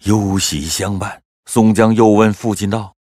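A man narrating a classic story in a measured, expressive way. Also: on the low side, no room sound, studio quality.

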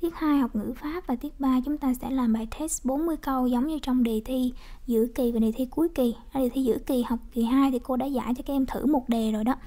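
A woman's voice: high voice, a little fast, warm tone. A woman with a Vietnamese accent teaching an online English vocabulary lesson, reading each word three times and naming its stress.

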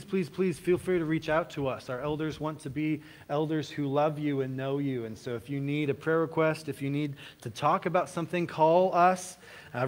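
A pastor making friendly, relaxed church announcements, a man with a slightly high voice. He talks easily to his congregation in the sanctuary and often says "um" between his points.

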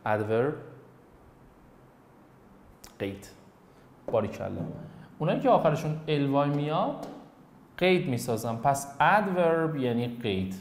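A man's voice: mid-range voice, slight background noise. Male teacher quizzing students, roomy sound. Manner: coaxing, quizzing students by name. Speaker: English teacher. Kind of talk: classroom English lesson in Persian. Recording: roomy echo.

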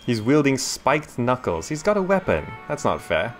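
Malaysian-accented man hosting a game playthrough, chatty and laughing, mid-pitch voice, game music faint underneath. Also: big pitch swings, moderate pace. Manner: chatty, laughs often, reads game text aloud. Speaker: gaming channel host. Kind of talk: let's play commentary.

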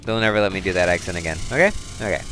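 A man's voice: sits low, very fast, noisy background. A man hosting a let's play, chatting casually and thinking aloud as he plays, drifting into side stories. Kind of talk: casual gameplay commentary.

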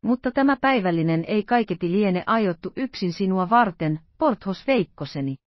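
A woman reading the part of a refined, pious male musketeer with a gently ironic manner. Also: medium pitch, animated, no echo, dull audio, close to an everyday voice.

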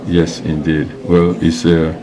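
A deep-voiced man interviewing guests at a church memorial, chatting warmly and affirming each answer. A loud crowd murmurs behind him in the hall. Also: monotone, slow pace. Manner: warm, chatty, frequent affirmations. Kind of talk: casual interview.

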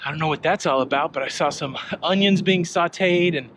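A middle-aged man with a slightly high, brisk, somewhat bright voice hosts a casual walking vlog through a park in rain and wind. He chats with viewers, asks them questions, and jokes at his own expense. His body camera catches wind and outdoor noise.

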